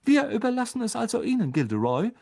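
A reader voicing a stern older female teacher, grave and clipped, slipping into a breathy whisper. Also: mid-range voice, lively intonation, normal speed, darkish tone, pitched above the performer's own voice, natural voice. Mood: cutting.

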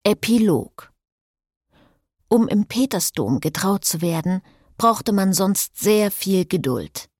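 Audiobook narrator, woman, lively pitch, dry close studio sound. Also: takes it slowly, breathy edge, dry recording.

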